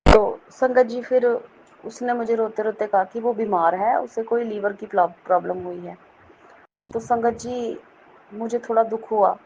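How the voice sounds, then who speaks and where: A middle-aged woman from Jammu earnestly telling a devotional testimony, often pausing to address her listeners respectfully. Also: fairly high pitch, fairly even intonation, darkish tone. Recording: dull lo-fi recording with faint noise.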